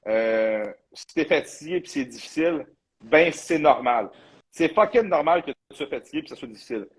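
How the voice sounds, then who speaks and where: A man's voice: fairly high pitch, lively intonation, moderate pace, breathy edge, low-quality recording. A man with a Quebec French accent, a bodybuilding coach hosting a casual live chat in a loose, talkative way, sprinkling in English slang.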